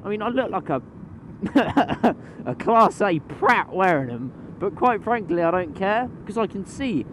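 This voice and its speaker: A man's voice: sits high, sing-song, a little slow. A young man chatting casually while riding a motorbike at night, rambling with fillers and casual swearing. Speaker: motovlogger. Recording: road and engine noise behind.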